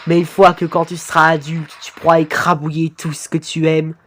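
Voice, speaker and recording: A woman voicing a stern, bossy alien father, speaking in a slow put-on robotic voice. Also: deep voice, little pitch movement.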